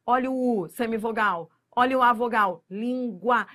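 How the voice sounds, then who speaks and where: A woman with a Brazilian accent gives a grammar lesson aimed at exam takers, her voice sitting a little high for a woman. She speaks directly to the viewer, drawing out the key words slowly and then hurrying through the explanations around them. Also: a bit bright. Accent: Brazilian Portuguese. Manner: emphatic, drawn-out stressing of key words, direct address to the viewer. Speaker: Portuguese grammar teacher. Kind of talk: exam-prep lecture to camera.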